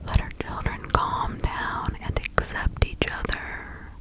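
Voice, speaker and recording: Taking the role of a kind, protective village witch and spiritual healer, a woman whispers a hushed, soothing, incantatory ASMR roleplay. Her pace is slow and her voice near everyday, the mood solemn and incantatory, though the audio is poor.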